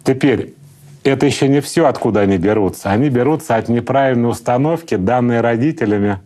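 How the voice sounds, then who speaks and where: A middle-aged man, a psychotherapist, calmly explaining in an interview in a lecturing manner. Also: medium pitch, fairly quick. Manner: calm, lecturing, acts out example speakers. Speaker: psychotherapist guest.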